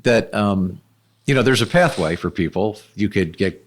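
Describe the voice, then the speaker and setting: A man hosting a local podcast, easing his guest along with relaxed questions. His voice is a touch low. He keeps things casual and conversational. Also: moderate pace. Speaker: mayor, podcast host.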